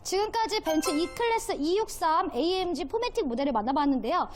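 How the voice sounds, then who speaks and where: A woman car dealer giving a polished, gushing sales pitch in a walkaround presentation. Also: lively intonation, moderate pace, over music.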